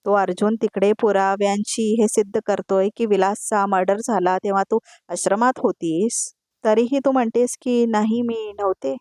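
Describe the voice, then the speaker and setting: A woman's voice: mid-range voice, steady tone, moderate pace, darkish tone, no echo, lightly acted. A stern, experienced female defense lawyer tells someone off with open reproach, voiced by a woman narrating an episode recap. The sound is close and dry, with no room around it. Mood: scolding. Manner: scolding, reproachful.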